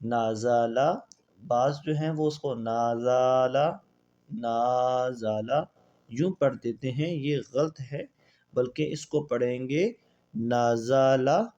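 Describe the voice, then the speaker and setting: His voice warm and medium-pitched, a man leads a Quran reading lesson, chanting the spelled-out Arabic letters between rapid explanations. He asks himself questions and supplies the answers, and the recording's highs are cut off.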